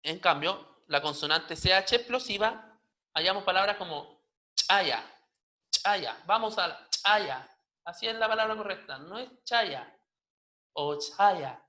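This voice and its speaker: Man, Chilean Spanish accent, language teacher, high pitch, bright tone, unhurried, punchy repeated words. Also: animated. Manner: slow, repeats example words with emphatic popping consonants. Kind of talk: pronunciation lesson.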